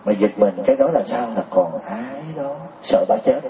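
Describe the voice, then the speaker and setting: A man's voice: fairly low pitch, moderate pace, dark tone, lo-fi sound. A man giving a Buddhist sermon, pressing his listeners with rhetorical questions and often laughing as he talks. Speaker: Buddhist teacher. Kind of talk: sermon to a congregation. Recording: roomy, distant mic.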